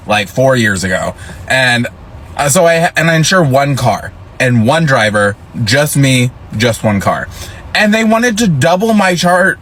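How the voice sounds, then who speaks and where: Man, lively pitch, incredulous casual rant, profane.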